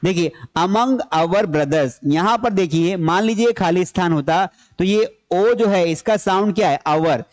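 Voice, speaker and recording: High-voiced man teaching grammar. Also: normal speed, hardly any pauses, darkish tone. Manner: asks the class questions and answers them himself; repeats key points, explains in Hindi mixed with English terms. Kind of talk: classroom lecture.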